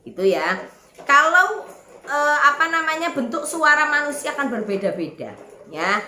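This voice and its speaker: A woman's voice: mid-range voice, bright, forceful tone, slight background noise. A woman music teacher giving an online lesson, explaining step by step and checking that students follow. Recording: echoey room.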